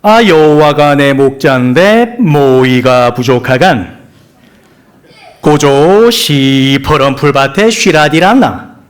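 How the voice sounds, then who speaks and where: A man's voice: on the high side, clean tone. A pastor putting on a drawling Pyongan man. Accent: Pyongan dialect. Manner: drawn-out, loud, folksy drawl. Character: slow, homespun Pyongan man reciting a psalm.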